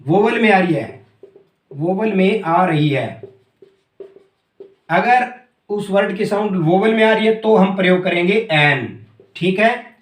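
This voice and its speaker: A man's voice: sits high, expressive, slow pace, pauses often, reverberant. A man teaching English grammar in a classroom-style lesson, explaining step by step and often checking that students follow. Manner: explains step by step, keeps asking "clear?".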